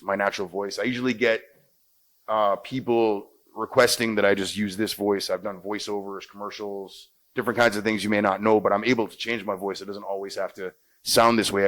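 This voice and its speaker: An actor and radio host with a Jamaican accent chats casually in an interview, saying "you know" a lot. His voice is deep and smooth, a bit bright, and the recording is rough.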